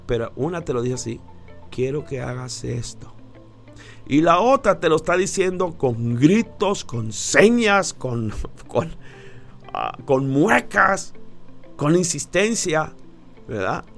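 A man with a voice a little above the usual pitch gives a motivational talk. He is emphatic and repeats phrases to drive each point home. Faint music plays under his voice. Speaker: speaker on emotions.

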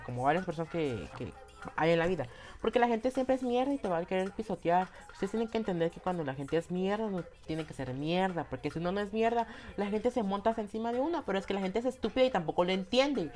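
A flamboyant young man with a Guatemalan Spanish accent tells a casual story straight to his viewers. He swears freely and keeps tagging his sentences with "va.". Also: high-pitched. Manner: flamboyant, self-described effeminate. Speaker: vlogger telling a personal story.

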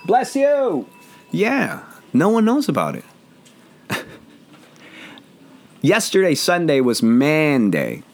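A hoarse man hosting a casual podcast from home, joking and rambling in a self-deprecating way. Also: on the high side, huge pitch swings, slow, long pauses, a little hiss or hum. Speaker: podcast host. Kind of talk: casual chat.

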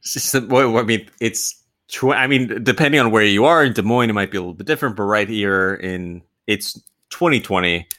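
A man with a low but bright, sharp-edged voice hosts a comedy interview. He questions his guest in a probing, mock-incredulous way. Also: a little fast. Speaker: podcast host.

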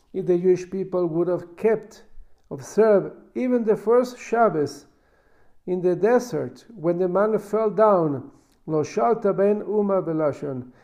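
A man giving a Talmud lesson as a religious teacher, reading and explaining in a halting, emphatic way with repeated words. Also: high voice, warm tone. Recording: dull, lo-fi recording.

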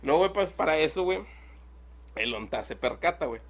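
Brief: young Mexican guy, a touch high-pitched, loose rambling podcast storyteller. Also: lively intonation, fairly quick. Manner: slangy, rambling, fills every phrase with filler words. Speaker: podcast host. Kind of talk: casual storytelling chat.

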